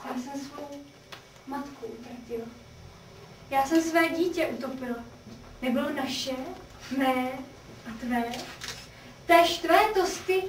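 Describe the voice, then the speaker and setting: A woman's voice: high voice, reverberant, distant mic, slight background noise, close to an everyday voice. An actress playing a desperate young condemned woman. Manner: pleading, trembling, stage-like verse delivery. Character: young condemned woman, grief-stricken, half-mad. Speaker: actor in a radio play. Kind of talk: theatrical verse radio drama.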